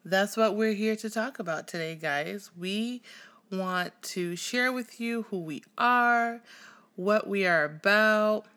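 A woman's voice: mid-range voice, takes it slowly, bright, forceful tone. A woman from Tanzania co-hosting a podcast with her husband, chatting playfully and echoing his words. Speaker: podcast co-host. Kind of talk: casual chat.

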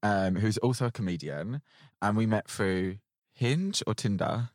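A man's voice: fairly low pitch, measured pace, darkish tone, no echo, clean studio sound. A man hosting a casual podcast chat, candid and teasing in the way he talks. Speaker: podcast host.

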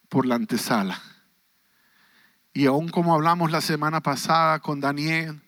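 A man's voice: fairly high pitch, a bit bright, dry recording, pitched below the performer's own voice. A male pastor voicing God in a sermon, speaking as a stern, fatherly deity who firmly rebukes and commands. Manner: firm, rebuking, deliberate.

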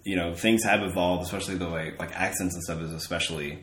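A man's voice: low voice, steady tone, fast talker, fairly bright tone, roomy sound. A man from Arkansas with a neutral, non-regional accent, hosting a casual interview in a chatty, curious and joking way. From Southwest Arkansas, US. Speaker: podcast host.

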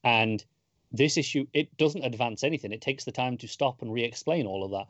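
A man's voice: medium pitch, a little fast, a bit bright, dry recording, muffled recording. A man co-hosting a podcast in casual chat, hesitant and restarting his sentences. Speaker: podcast co-host.

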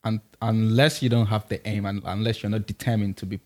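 Twenties male guest from Ghana, low voice, easygoing soccer-player chat. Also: flat delivery, brisk. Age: 20s. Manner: easygoing, playful boasting. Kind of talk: casual interview chat.

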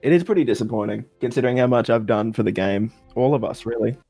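A man's voice: mid-range voice, fast talker, dark tone, no room sound, soft background music. A man chatting casually as a podcast guest, teasing and easygoing. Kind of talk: casual chat.

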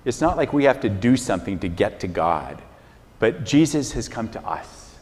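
An older man, a priest, giving a relaxed, conversational homily with chuckling, self-deprecating stories. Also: on the low side, normal speed. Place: large church. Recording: reverberant church hall.

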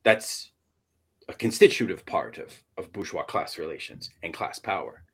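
A man with a somewhat low voice talks through political ideas in a halting, analytical manner. He is from Portland, Oregon and co-hosts a casual discussion. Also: lively intonation, slightly rough. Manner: hesitant, analytical, restarts a lot. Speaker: podcast co-host.

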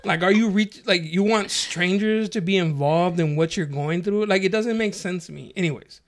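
A man's voice: sits high, moderate pace. A man co-hosting a podcast, chatting casually and telling joking, profane stories with frequent laughter. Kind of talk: casual chat.

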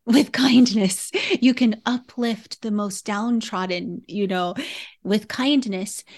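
A woman guest in an interview, speaking earnestly and reflectively, often breaking into laughter. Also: mid-range voice. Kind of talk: candid interview conversation.

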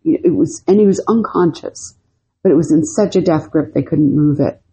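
A woman's voice: low voice, normal speed, dark tone, breathy edge. A woman co-hosting a podcast, telling stories in a rambling, casual way with many fillers. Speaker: podcast co-host. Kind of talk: casual storytelling chat.

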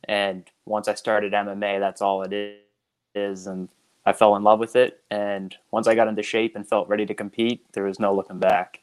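A man's voice: on the low side, flat delivery, moderate pace. A man speaking as a fighter being interviewed, answering casually in an earnest, explanatory way. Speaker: MMA fighter, podcast guest.

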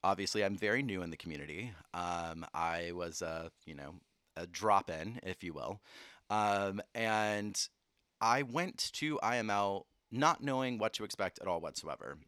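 A man's voice: deep voice, unhurried, no room sound, clean studio sound. A young American man, a leather titleholder, chatting frankly and jokingly in an interview. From United States. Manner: animated, laughing, frank and joking. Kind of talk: casual chat.

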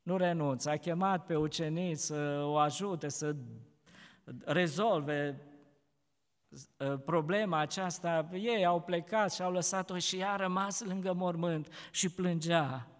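A man preaching a sermon, rising into impassioned, pleading speech. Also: steady tone. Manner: rises to an impassioned, pleading pitch when voicing grief. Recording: long hall reverb.

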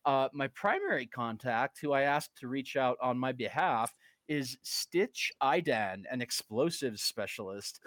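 A man's voice: medium pitch, expressive, measured pace, a bit bright, no echo. A man playing a tabletop game, chatty and joking, often breaking into laughs. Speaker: player. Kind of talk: casual tabletop play.

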